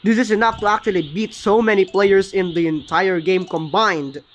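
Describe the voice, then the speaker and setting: A man giving casual, excited gameplay commentary, often stopping to correct his own words. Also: sits high, moderate pace, slight background noise. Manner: excited, often corrects himself mid-sentence. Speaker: gaming channel host.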